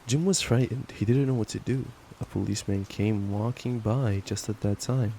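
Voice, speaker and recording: A young man reads a bedtime story in an affectionate, playful ASMR boyfriend roleplay, full of stumbles and giggly asides. His fairly low voice is creaky and dark, at normal speed. The recording is noisy with ambient rain sounds.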